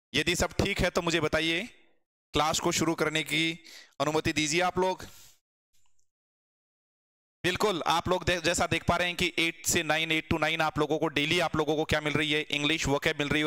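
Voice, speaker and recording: A man leads an online exam-prep grammar class in a bright, sharp voice, pitched a little high for a man. His words come out smooth and crisp. He keeps calling his students friends and throws questions at them that he answers himself. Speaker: teacher.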